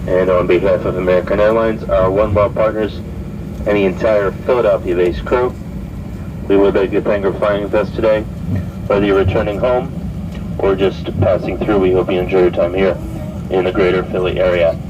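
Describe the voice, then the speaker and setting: A man making an arrival announcement over an airplane cabin loudspeaker, practiced and repeating key details. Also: low-pitched, steady tone, moderate pace. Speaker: flight attendant. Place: airplane cabin after landing. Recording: muffled distant PA in loud plane cabin. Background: aircraft engine noise.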